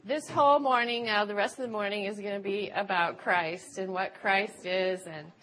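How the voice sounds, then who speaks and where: A woman's voice: mid-range voice, moderate pace, a bit bright. A middle-aged woman giving informal Bible teaching to a group, chatty and laughing often, checking in with "right?".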